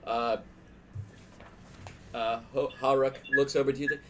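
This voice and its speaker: A man working as game master, improvising narration for a tabletop fantasy game in a halting way. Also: mid-range voice, level tone, a little hiss or hum. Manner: halting, repeats words as he improvises.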